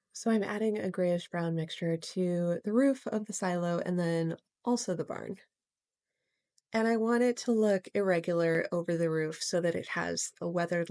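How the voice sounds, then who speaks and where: A woman narrating her watercolor painting step by step in a gentle, explanatory way, as host of a real-time art tutorial. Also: fairly low pitch, no room sound, studio quality.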